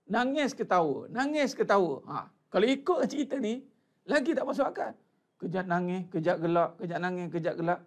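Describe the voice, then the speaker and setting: A man with a Malaysian Malay accent giving a spoken religious lecture, asking the audience rhetorical questions and chanting Arabic verses. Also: high-pitched. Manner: animated, addresses audience as "tuan-tuan", rhetorical questions. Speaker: religious teacher.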